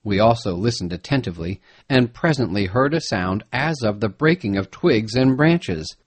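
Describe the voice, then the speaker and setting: A man narrating an adventure story in the first person, reading in an expressive, emphatic way. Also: lowish voice, normal speed, breathy edge, dry recording. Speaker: audiobook narrator.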